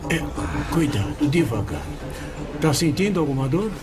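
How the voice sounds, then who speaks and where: An actor playing an attentive, soothing emergency doctor with a Brazilian accent in a dubbed documentary. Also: male voice, a little high, expressive, measured pace. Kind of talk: dubbed documentary dialogue and narration. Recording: clearly noisy background ambience.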